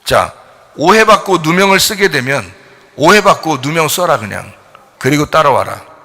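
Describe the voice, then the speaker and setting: A male pastor delivers a sermon in a gravelly, somewhat high voice. He talks straight to his listeners in blunt informal speech. He swings from loud urgent rises to quiet questioning drops. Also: very animated, normal speed.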